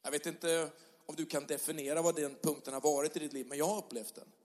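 A middle-aged male pastor preaching a sermon in a church hall, conversational with tag questions, rising to loud passionate peaks. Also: a little high, fairly even intonation. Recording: long hall reverb.

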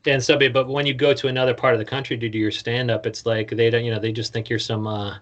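A man's voice: mid-range voice, flat delivery, fast, a bit bright, highs cut off. A man hosting a casual interview podcast, talking in slangy, swear-filled, run-on questions. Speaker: podcast host.

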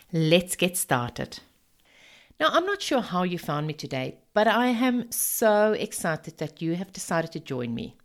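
A woman of about fifty with an Afrikaans South African accent, presenting a podcast monologue and addressing listeners earnestly and directly. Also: lowish voice. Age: around 50. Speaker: podcast host. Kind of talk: introductory podcast monologue, partly scripted.

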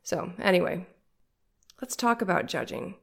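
A woman's voice: fairly low pitch, moderate pace, vocal fry, a bit bright. A woman with a nasal voice talking conversationally as a podcast host, speaking directly and encouragingly to her listeners about faith.

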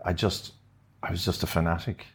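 A man's voice: deep voice, little pitch movement, fairly quick, breathy edge. An older man with a west of Ireland accent, telling anecdotes in a casual, hesitant way as an interview guest. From Sligo, Ireland. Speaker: musician, podcast guest. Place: furnished upstairs room in a venue.

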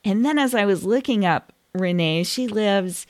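A woman's voice: mid-range voice, animated, normal speed, no echo, clean studio sound. A woman hosting a book podcast, chatting enthusiastically about novels she recommends. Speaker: podcast host. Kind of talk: casual book recommendation talk.

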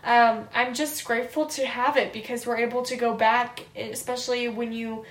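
Earnest higher-voiced woman podcast co-host. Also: level tone, moderate pace, echoey room, low-quality recording. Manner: earnest, reflective, laughs easily. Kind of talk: casual podcast chat.

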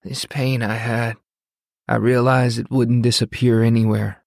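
A man voicing a grieving teenage boy in an audiobook, speaking slowly and softly with a quivering voice. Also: mid-range voice, flat delivery, gravelly, no echo, clean studio sound. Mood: shaken, tender. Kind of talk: audiobook character voice.

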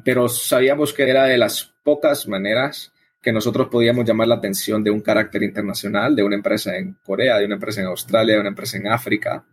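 A coffee event organizer from El Salvador answers interview questions as a guest, speaking in a lowish, breathy voice with fairly even intonation at a quick pace. His answers are conversational and explanatory, with frequent tag questions.

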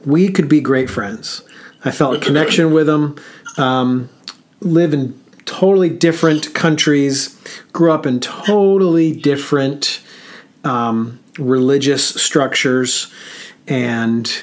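A man speaking as a podcast co-host, telling a personal story in casual chat, slow and halting with frequent pauses and fillers. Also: medium pitch.

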